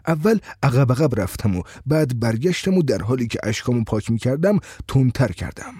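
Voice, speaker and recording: A man reading a first-person story in a steady, conversational storytelling way. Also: medium pitch, husky, dry recording, clean studio sound.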